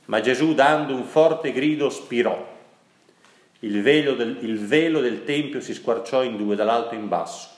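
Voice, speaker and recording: Italian priest preaching in an echoey hall. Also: male voice, medium pitch. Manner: storytelling, asks the audience questions, slows down for emphasis. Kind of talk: sermon.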